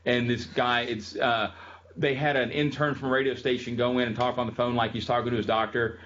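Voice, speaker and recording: A man lectures to a classroom in a relaxed, chatty way, drifting into stories and filling pauses with ums. The recording sounds a little dull, with a faint hiss underneath. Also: mid-range voice. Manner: chatty, storytelling, frequent ums. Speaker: music history lecturer.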